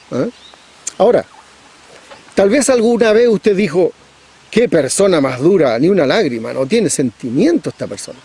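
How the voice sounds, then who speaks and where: A man's voice: high voice, warm tone, breathy edge. A middle-aged man preaching a sermon, pressing his points with repetition and rhetorical questions.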